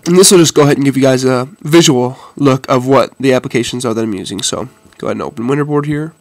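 A man's voice: mid-range voice, quick pace, no echo. Stuffy-nosed man giving casual phone demo. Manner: hesitant, informal, addresses viewers as "guys". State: sick with a head cold. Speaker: tech tutorial presenter.

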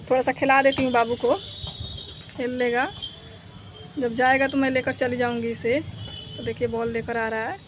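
A woman with a high, fairly even voice chats to her viewers about her dog, repeating herself in a casual way. She records outdoors on a phone, with a faint open-air ambience behind her. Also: noisy background. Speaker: vlogger and dog owner. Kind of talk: casual vlog narration to viewers. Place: rooftop outdoors during thunderstorm. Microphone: phone camera.

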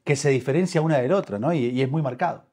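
A man with an Argentine accent hosting a casual interview, prodding and teasing his guest with halting restarts. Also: medium pitch, dark tone, breathy edge. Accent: Argentine Spanish. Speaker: host, interviewer.

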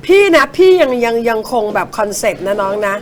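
A middle-aged woman co-hosting a casual political talk show, loud, blunt and emphatic. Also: on the high side, animated, a little fast, slight background noise.

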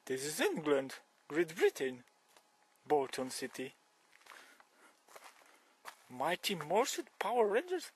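A man's voice: a little high, wildly swooping pitch, slow, long pauses, breathy edge. A young Polish man speaking broken English with a Polish accent, joking through a one-sided phone call outdoors on a bike trail. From Poland. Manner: broken English, exclamations of shock. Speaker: cyclist vlogger. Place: outdoors on a forest trail and fields. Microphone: camera held close at arm's length.

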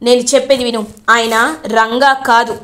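A woman's voice: fairly high pitch, flat delivery, normal speed, a bit bright, lightly acted. A woman voicing a defiant young woman who calls out a villain.

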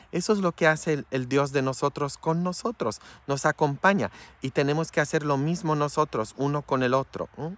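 Polish-born priest preaching frankly. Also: male voice, mid-range voice, a bit bright. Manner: frank and tender, with constant "mm?" tag questions. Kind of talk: informal preaching talk.

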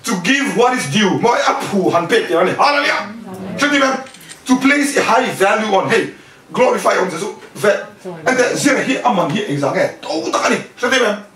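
This high-voiced male preacher delivers a house-fellowship sermon indoors, his fairly bright voice lively in intonation and a little fast. He repeatedly asks the listeners questions and drops in English words. The room echoes noticeably and he sounds distant.

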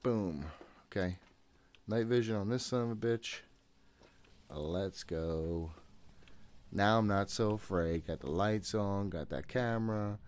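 Fairly low-pitched and slow, with frequent pauses, his voice is clear, resonant and a little mellow. He's a streamer in his thirties giving relaxed live commentary on a horror game, jumpy and freely profane as he talks to himself. He records in a small home room on a desk microphone close to his mouth.

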